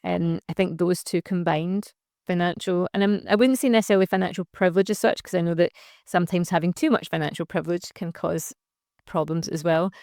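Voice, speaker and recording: A woman's voice: on the low side, fairly even intonation, fairly quick, a little mellow, no echo, studio quality. A young adult woman, a social enterprise founder talking reflectively in a casual interview, with plenty of fillers and restarts. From Scotland.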